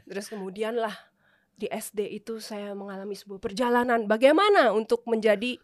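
A woman's voice: medium pitch, moderate pace. A woman from Indonesia, a guest in a casual interview, who tells stories animatedly and laughs often. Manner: animated, laughs often, acts out remembered dialogue.

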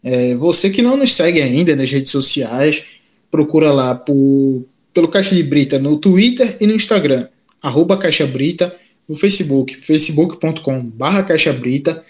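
Casual man, higher-pitched voice. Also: expressive, moderate pace. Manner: informal, colloquial. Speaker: podcast host. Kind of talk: casual sports podcast talk.

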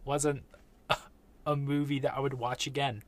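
A man co-hosting a podcast who talks about a movie in a rambling, halting way. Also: medium pitch, flat delivery. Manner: rambling, halting, many fillers. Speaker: podcast co-host. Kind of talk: casual movie review chat.

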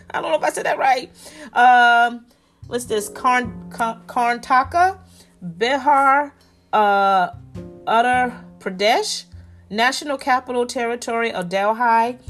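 Slow-talking woman podcast host. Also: mid-range voice. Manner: slow, stumbling over place names, apologetic. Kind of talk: casual listener shout-outs.

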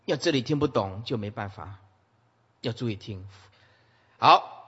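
A man giving an animated Buddhist sutra lecture, repeating commands to his listeners, with a husky voice. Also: medium pitch, measured pace. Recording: muffled, echoey hall.

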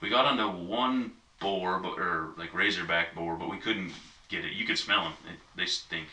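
A man's voice: low-pitched, moderate pace, pushed and bright. A man in casual chat, telling a long, easygoing story with many asides. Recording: echoey room, mic at a distance, faint noise.

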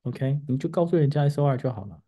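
A male teacher hosts a casual talk show, recounting a classroom moment with growing excitement. He sounds out simple English words to show how intonation shifts, and his voice climbs as the story builds. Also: fast, slightly rough. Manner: animated storytelling, pitch rising as he gets excited; demonstrates English word intonation aloud. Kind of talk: casual podcast monologue.

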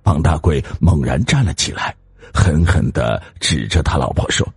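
A man narrating a spooky story in an expressive, dramatic scripted way. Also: a bass voice, measured pace, slightly rough, no echo, studio quality.

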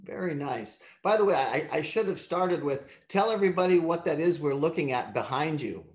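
A man hosting a live online chat, relaxed and full of little fillers. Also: a little high, normal speed, echoey room. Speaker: host.

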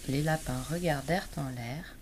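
A woman reading a children's story aloud, gentle and expressive, with birds singing behind her. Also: low-pitched, moderate pace, slight background noise. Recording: birdsong in background.

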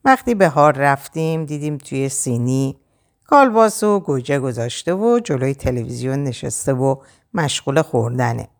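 A woman narrating a novel in the first person, reading with expressive storytelling. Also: extremely low pitch, vocal fry. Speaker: audiobook narrator.

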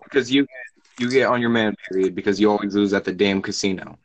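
A man's voice: fairly low pitch, fast, no echo, rough recording. A young man chatting casually on a friends' call podcast, teasing and crude, often talking over the others. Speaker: podcast co-host. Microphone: home mic on a call.

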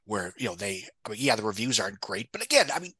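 Very animated and fast, this man talks in a low, sharp, slightly rough voice with no room sound around it. Appearing as a guest box office pundit in a podcast discussion full of opinions, he's sardonic and blunt, swearing casually and digressing often.

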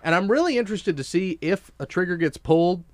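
A man co-hosting a sports talk show, arguing his opinions emphatically with quick restarts. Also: high-pitched, animated, no room sound.

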